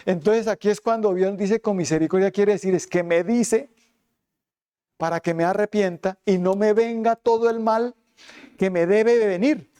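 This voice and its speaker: High-voiced pastor preaching a sermon. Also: male voice, warm tone, clean tone. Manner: emphatic preaching, repeats "amén" often; voices God and sinners in quoted asides.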